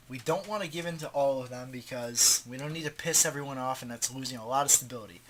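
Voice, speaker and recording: A gaming tutorial host speaks in a medium-pitched, sharp-toned voice on a rough recording with a little hiss or hum. Congested and slightly sore-throated, he clicks through a strategy game's menus, explaining things in a casual, slangy, offhand way.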